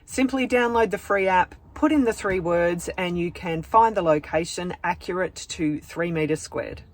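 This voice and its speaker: A man giving a steady, scripted travel voice-over in an informative tour-guide manner. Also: high-pitched, normal speed. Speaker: vlog narrator. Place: voice-over recording. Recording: voice over music bed. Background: clear background music.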